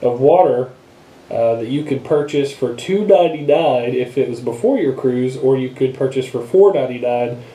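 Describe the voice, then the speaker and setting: Casual male vlogger, congested broken-nose sound, very dark mellow timbre, loose rambling delivery, roomy action-camera audio. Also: mid-range voice, moderate pace. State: congested blocked nose from being sick. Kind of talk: casual unscripted vlog talk. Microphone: action camera microphone.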